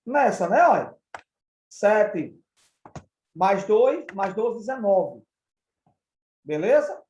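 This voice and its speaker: A man's voice: high-pitched, a little mellow, roomy sound, rough recording. A male math teacher with a Brazilian Portuguese accent, patiently repeating and counting through each example step by step. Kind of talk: recorded classroom lesson.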